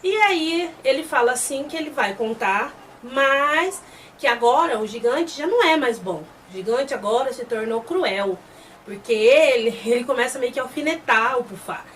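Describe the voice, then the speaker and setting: A woman's voice: sits high, lively intonation, moderate pace, a bit bright. Chatty woman, a bit off-mic. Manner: chatty retelling that voices the characters' lines. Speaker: host reviewing a TV series. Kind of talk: casual episode recap. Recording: slightly distant mic with faint background noise.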